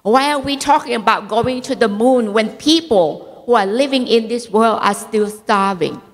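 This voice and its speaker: A woman's voice: fairly high pitch, moderate pace. A woman in her sixties in the audience, speaking earnestly into a handheld mic, pleading and hesitating with fillers as she talks. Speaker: audience member. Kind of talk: impassioned public comment. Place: large dark conference hall, among the audience. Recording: hall reverb.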